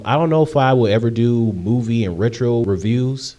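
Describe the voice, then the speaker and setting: A man's voice: medium pitch, moderate pace, mellow. A man in his late twenties from Michigan, casually answering viewer questions in a chatty, rambling way with frequent ums and restarts. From Michigan, USA. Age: 20s. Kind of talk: casual Q&A vlog.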